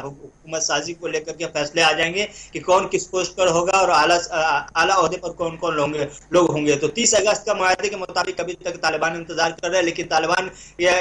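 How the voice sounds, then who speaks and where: A young man giving live news analysis over a remote link as a correspondent, halting and repeating words. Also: high voice, pushed and bright.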